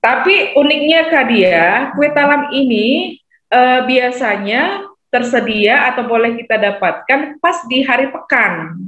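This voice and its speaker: A woman's voice: high-pitched, lively intonation, a little slow, fairly bright tone. A chatty woman, talking casually as a radio guest and stopping often to search for words. Her voice sounds roomy and a little dull, as if the line were lo-fi. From North Sumatra, Indonesia. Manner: chatty, hesitant, many fillers. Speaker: guest describing her hometown. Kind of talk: casual radio talk show chat.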